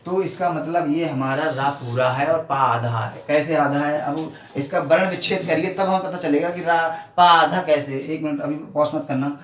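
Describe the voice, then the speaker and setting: A male teacher with a fairly high voice explains a grammar lesson slowly, repeating each step and checking in with his pupils. The recording sounds echoey and a little far from the mic, with faint background noise. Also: fairly bright tone. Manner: slow, repetitive explaining with frequent questions to pupils. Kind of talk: classroom-style grammar lesson.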